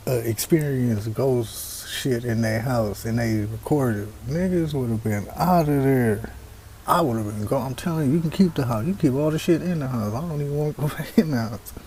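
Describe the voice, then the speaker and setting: Casting: male reaction streamer, mellow warm tone, loud joking banter, faint hiss behind. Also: mid-range voice. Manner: loud, joking, profane, laughs often. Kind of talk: casual reaction commentary.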